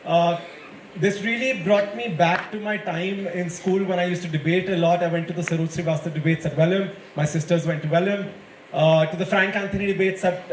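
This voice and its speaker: A man with an Indian accent, judging a debate and giving students encouraging, conversational feedback in an impromptu speech. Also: sits high. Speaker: debate judge. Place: indoor school event space with audience. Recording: echoey hall, faint crowd and noise.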